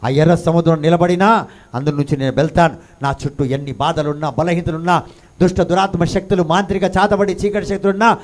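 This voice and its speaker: A man preaching a sermon, firing rhetorical questions and swinging between hushed and loud delivery, mixing in English phrases. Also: fairly high pitch, steady tone, brisk. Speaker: pastor.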